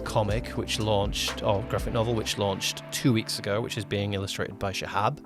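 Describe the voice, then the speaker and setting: With music behind him, a man whose voice sits on the low side speaks flatly at a moderate pace. He's a podcast co-host and producer talking casually about a production, rambling and often fixing what he says mid-sentence.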